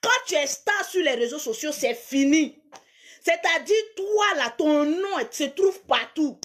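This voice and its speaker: Woman, young adult, very high pitch, loud mocking rant, shouting, laughing. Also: animated, unhurried. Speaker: social media personality. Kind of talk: ranting monologue to followers.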